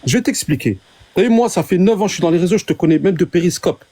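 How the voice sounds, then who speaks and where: A man with a fairly high, mellow and husky voice speaks as a guest in a casual live debate. He explains insistently, often doubling back on his words. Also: lively intonation, fast talker.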